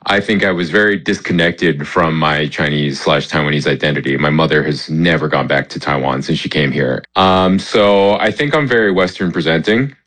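A man, a chef, answering interview questions in a relaxed, reflective way. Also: extremely low pitch, normal speed, hardly any pauses. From United States. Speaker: guest, chef.

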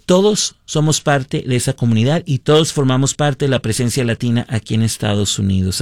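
A man born in the United States, a radio program director and host, giving measured, earnest commentary. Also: mid-range voice, a little mellow, dry recording, clean studio sound.

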